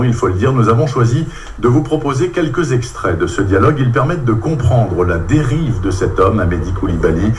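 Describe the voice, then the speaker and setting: A man presenting morning radio news in a measured, formal way. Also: medium pitch, slight background noise.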